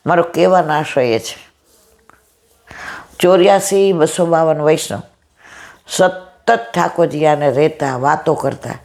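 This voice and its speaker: A middle-aged woman with a loud, powerful voice, giving a devotional storytelling discourse and acting out the dialogue in her stories. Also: deep voice, a little slow, pauses often. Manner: retells stories with quoted dialogue. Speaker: satsang speaker.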